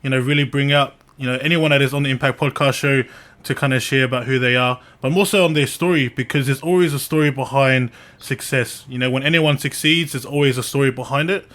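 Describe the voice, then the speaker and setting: A man hosting a podcast in casual, earnest, slangy talk, often halting and repeating words. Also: mid-range voice, fairly even intonation, fairly bright tone. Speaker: podcast host. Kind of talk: casual chat.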